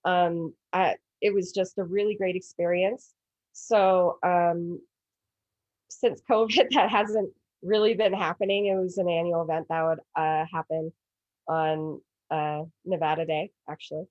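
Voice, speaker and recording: A woman's voice: on the low side, level tone, a little slow, darkish tone. A woman guest presenter giving informal answers at an online event, hesitant as she searches for words. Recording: roomy, dull online call audio.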